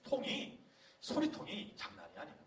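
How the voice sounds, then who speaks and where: A middle-aged man, a pastor, telling a story to a youth leaders' camp in a lively, storytelling way. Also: normal speed. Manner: animated storytelling, acting out quoted voices. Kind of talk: sermon-style talk at a youth leaders' camp. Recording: roomy hall from a distance, faint background noise.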